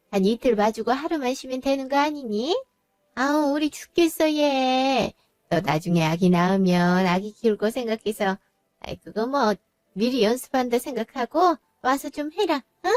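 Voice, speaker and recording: A woman's voice: sits high, measured pace, no echo. A woman voice actor playing a pushy, nagging older mother-in-law in a Korean audio drama. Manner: nagging, bossy.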